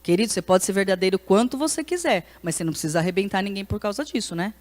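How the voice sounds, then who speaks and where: A woman's voice: mid-range voice, rapid-fire, darkish tone. A Brazilian woman pastor with a mid-range voice gives an informal church lesson on a handheld mic. She talks frankly and conversationally, restarting sentences and checking in with the room. Her voice carries the long reverb of a church hall. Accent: Brazilian Portuguese. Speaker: pastor teaching a ministry class. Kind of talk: informal church teaching with audience questions. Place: church hall with a live audience. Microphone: handheld microphone.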